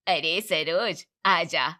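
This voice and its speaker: A woman's voice: fairly low pitch, very slow, bright, forceful tone, pitched below the performer's own voice, full character voice. A woman voicing a commanding older mother-in-law who gives orders, in a storybook narration. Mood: bossy.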